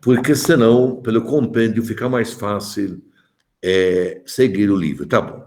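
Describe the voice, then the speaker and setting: A man's voice: on the low side, a little slow, darkish tone. A man in his seventies from Malta, a bishop giving a joking, chatty catechesis talk to adults and calling on them by name. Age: 70s.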